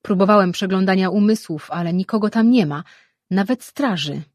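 A woman voicing an anxious, urgent male sorcerer in an audiobook, reading in a husky voice. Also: mid-range voice, moderate pace, darkish tone, no echo, clean studio sound, natural voice. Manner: urgent, questioning.

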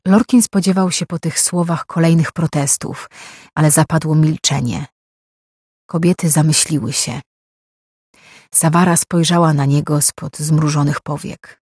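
Steady audiobook narrator, dry close sound. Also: mid-range voice, measured pace, husky, no echo. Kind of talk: scripted narration.

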